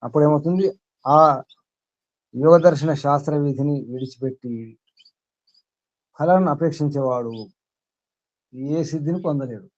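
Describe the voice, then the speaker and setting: A man's voice: fairly high pitch, normal speed, long pauses, darkish tone, dry recording, highs cut off. A man acting as spiritual teacher, giving a sermon to a small group, questioning his listeners and reeling off long lists.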